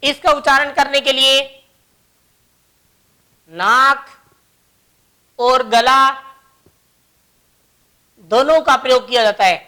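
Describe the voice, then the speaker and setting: A woman's voice: high-pitched, slow, pauses often, sharp tone. A woman teaching a grammar lesson, explaining each example word by word.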